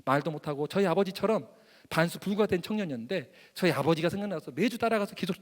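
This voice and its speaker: A man in his forties preaches a testimony sermon with a high, bright-toned voice, rattling through his story at a brisk clip. He is animated, slipping into the voices of the people he quotes. A long reverb hangs on every phrase, as if from a large hall. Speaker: missionary preacher.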